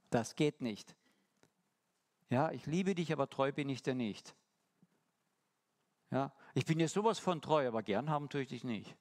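A man preaching a sermon, shifting between quick asides and slow, emphatic lines and putting rhetorical questions to the congregation. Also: medium pitch, a little mellow.

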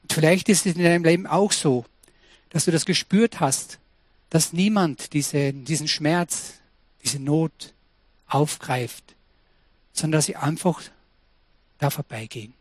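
A man's voice: fairly high pitch, unhurried, pauses often, dry recording. A man preaching a sermon, earnest and personal, speaking directly to his listeners. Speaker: pastor.

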